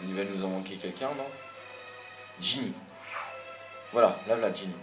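A young man with a deep voice talks over a video game at normal speed, rambling and chatty. He's somewhat irritated and swears mildly from time to time. The recording is roomy, with game music in the background.

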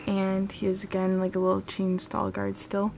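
On a low-quality recording with a bit of hiss or hum, a woman speaks in a mid-range, gravelly, darkish voice at normal speed, her delivery completely flat. She hosts a model horse channel and casually tours a carpeted room, handheld camera close, chatty and full of "like" and "um."

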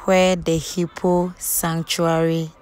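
A young woman talks slowly and chattily to her viewers while travelling, her voice sitting a little low. She films on a phone at arm's length, and engine and traffic noise rumble clearly behind her. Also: level tone. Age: young adult. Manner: chatty, addresses viewers directly. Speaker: travel vlogger. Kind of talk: casual travel vlog. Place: outdoors on roads and in vehicles. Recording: loud road and vehicle noise.

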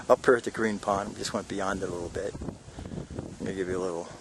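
An older man vlogs his hike with a handheld camera outdoors on a windy mountain trail, casually narrating, joking and rambling with lots of fillers. He speaks fairly quickly in a low, steady voice, with background noise present.

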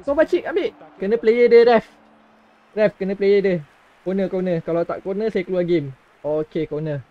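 A young Malaysian gaming streamer gives reactive live commentary while playing a mobile football game, in short exclamations and muttered asides. His voice is high, his pace moderate, and the audio sounds dull.

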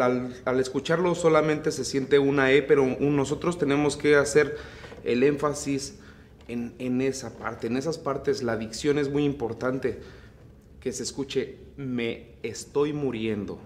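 A man with a Mexican accent, a mariachi singer teaching vocal technique in an unhurried, relaxed way. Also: medium pitch, a little hiss or hum. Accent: Mexican Spanish. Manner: unhurried, explains phrasing, breaks into singing. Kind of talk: relaxed vocal tutorial with sung demonstrations.

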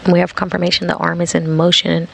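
A man with a gravelly voice, giving live event commentary. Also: sits high, monotone, quick pace, a bit bright, a little hiss or hum. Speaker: mission commentator.

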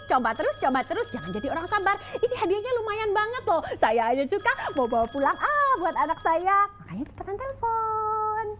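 Very high-pitched woman giving an infomercial pitch. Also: a bit bright, a little hiss or hum. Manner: urgent, chatty, coaxing. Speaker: TV shopping host. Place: small TV studio set.

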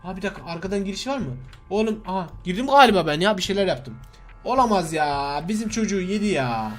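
Young man, high voice, rapid excitable game commentary, faint music behind. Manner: excitable, shouts in alarm, laughs, talks to viewers as gençler and arkadaşlar. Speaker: gaming YouTuber. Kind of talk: excited Roblox gameplay commentary.

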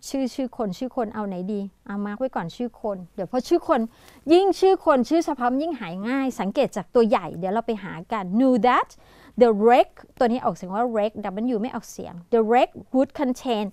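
A woman's voice: on the high side, expressive, moderate pace, dark tone, dry recording. A woman with a Thai accent, teaching an English exam-prep lesson and thinking aloud as she mixes Thai with English words.

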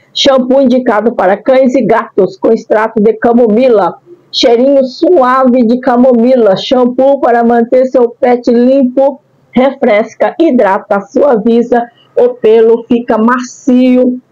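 Cutesy high-voiced Brazilian woman vlogger. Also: lo-fi sound. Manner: cutesy and playful, with sing-song catchphrases. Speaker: video channel host. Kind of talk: product review vlog in cute anime-streamer manner.

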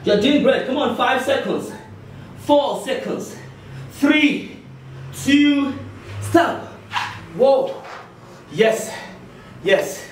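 A man's voice: very high-pitched, animated, very slow, pauses often. A middle-aged man working out as an aerobics instructor, counting and cheering on in short, exerted, encouraging cues with puffs. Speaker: fitness instructor leading a workout. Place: indoor tiled room, on an exercise mat. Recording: echoey room, distant mic, faint noise.

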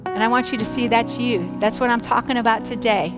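A woman pastor in her fifties preaching a sermon on a church stage through a headset mic, energetic and encouraging, calling out amens. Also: fairly high pitch, brisk, music in the background. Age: 50s. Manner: energetic and encouraging, with whooping shouts and amen calls.

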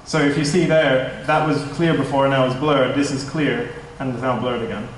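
A man's voice: medium pitch, fairly even intonation, normal speed, slight background noise. A young man giving a casual, slightly nervous conference presentation at a meetup, correcting himself as he goes. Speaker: tech startup presenter. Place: meetup hall, indoors, large room. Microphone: stand mic at a distance. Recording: echoey hall, mic at a distance.

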